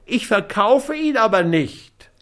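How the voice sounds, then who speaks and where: A man's voice: lively intonation, slow, fairly bright tone, full character voice. A man voicing a cowardly, brutal man who whines and pleads in a raised, strained voice. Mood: whining. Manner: whiny, high and pleading.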